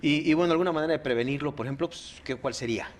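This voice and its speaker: A man's voice: fairly high pitch, rapid-fire. A man hosting an interview, asking a doctor questions with hesitant restarts. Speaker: show host. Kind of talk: interviewing a guest. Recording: faint background noise.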